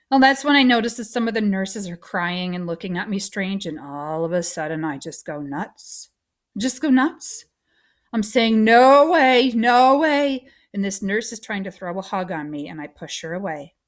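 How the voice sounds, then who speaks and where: A woman reading a novel aloud in first-person narration. Her voice sits at an ordinary pitch for a woman, and she tells the story expressively, pushing forward through the tense scenes. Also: fairly bright tone. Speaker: audiobook reader.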